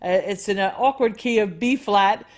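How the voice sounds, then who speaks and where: Woman, mid-pitched, leading introductions. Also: normal speed, a little mellow. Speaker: band leader and spokesperson. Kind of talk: casual video introduction.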